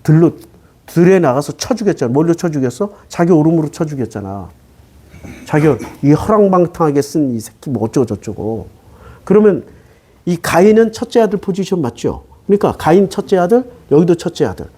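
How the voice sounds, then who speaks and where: A male pastor preaching a sermon. He keeps asking the congregation questions and answering them himself. His voice rises high and drops low, and his casual talk mixes with formal scripture reading. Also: sing-song, brisk, slightly rough. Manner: swings between raised and low, soft phrases.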